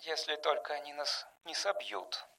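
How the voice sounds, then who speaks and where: A man voicing a cautious, skeptical female ship engineer who speaks in a quiet murmur. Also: a little high, animated, a little fast, distant mic, voice pushed up. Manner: hushed, murmured.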